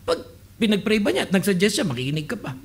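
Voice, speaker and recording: A man's voice: high voice, fast. A man in his late twenties preaching a sermon, telling stories and acting out the people he quotes. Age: late 20s. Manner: animated storytelling, mixing Tagalog and English, acting out quoted people. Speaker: pastor.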